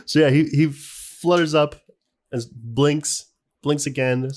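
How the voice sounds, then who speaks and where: A man's voice: on the high side, steady tone, takes it slowly, a little mellow. A man acting as game master, improvising scene narration for a tabletop role-playing game in a conversational way. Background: background music.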